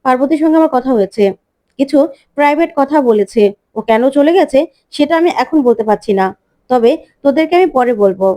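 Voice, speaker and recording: A woman voicing a calm, evasive young groom in a spoken story recap, reassuring and cagey in her replies. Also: high voice, a little fast.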